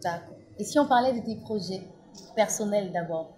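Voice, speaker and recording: A woman's voice: medium pitch, animated, moderate pace, a little mellow. A woman conducting a casual sports interview in a playful, teasing way.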